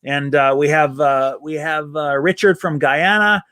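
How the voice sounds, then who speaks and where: A man's voice: fairly high pitch, steady tone, measured pace, sharp tone. An American man hosting a casual, enthusiastic live-stream chat outdoors in a backyard. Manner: upbeat, enthusiastic. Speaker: host.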